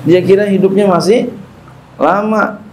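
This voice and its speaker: Animated man giving a folksy sermon. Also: sits high, measured pace, slight background noise. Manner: colloquial and animated, repeats phrases, chuckles while telling stories. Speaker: Islamic preacher teaching a classical book. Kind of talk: casual religious lecture.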